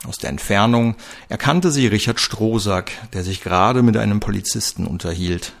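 A man reading a crime story aloud as narrator, in a steady, even storytelling manner. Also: lowish voice, moderate pace, gravelly. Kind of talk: scripted audio-drama narration.

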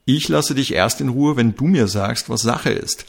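Man voicing indignant male detective, gravelly, low, audiobook. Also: animated, fairly quick. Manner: indignant, insistent.

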